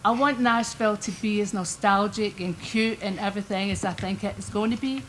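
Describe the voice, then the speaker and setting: A woman's voice: mid-range voice, fairly even intonation, fairly quick, a little hiss or hum, poor audio. Chatty older Scottish woman. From Scotland. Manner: chatty, homely, lightly self-deprecating. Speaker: resident giving public comment. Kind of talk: public comment at a council meeting. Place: council meeting room.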